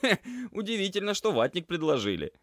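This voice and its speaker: A man reading an audiobook, voicing a cheeky young male cat student who teases his friends in a loud, lifted voice. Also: high-pitched, very animated, a little fast, no echo, clean studio sound, voice pushed up. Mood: teasing. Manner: teasing, boisterous.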